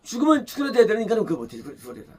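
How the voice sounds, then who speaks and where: A man's voice: high-pitched, huge pitch swings, rapid-fire, darkish tone. A man preaching a sermon as pastor, pressing his points by repeating phrases and asking rhetorical questions. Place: church.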